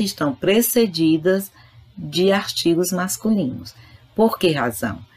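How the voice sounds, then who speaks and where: Low, husky-voiced woman teaching slowly. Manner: patient, explanatory, addresses students directly. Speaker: Spanish teacher. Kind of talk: recorded online grammar lesson.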